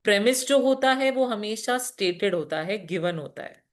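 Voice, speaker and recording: A woman's voice: medium pitch, expressive, moderate pace. A woman teacher giving a lecture on reasoning, explaining patiently, asking questions and answering them herself, and mixing terms into Hindi. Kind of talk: classroom lecture.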